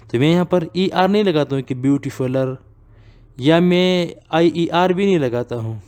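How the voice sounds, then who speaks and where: Male grammar teacher, slightly high voice, slow drilled delivery, answers his own questions. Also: darkish tone. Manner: asks and answers his own questions, repeats key words; reads English examples slowly and deliberately. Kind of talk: classroom grammar lesson.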